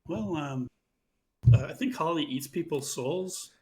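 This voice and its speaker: A man's voice: on the high side, measured pace, dark tone, poor audio. A man playing a tabletop role-playing game in character, talking loosely and casually, often laughing. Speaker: player.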